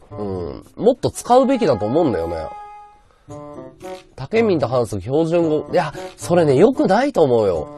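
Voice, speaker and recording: A man's voice: medium pitch, warm tone. A man streaming live, chatting casually and answering his viewers' comments aloud. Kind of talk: casual livestream chat.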